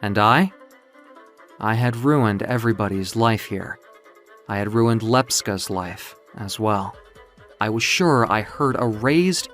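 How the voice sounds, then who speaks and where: Like the voice of an audio comic book, this mid-range narrator delivers a dramatic tale with deliberate, literary theatricality.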